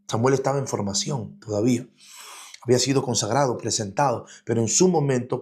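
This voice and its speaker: A man's voice: mid-range voice, a little mellow. A man preaching an online teaching sermon as an apostle, emphatic, often asking his audience rhetorical questions. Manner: emphatic, repeats "escúchame bien".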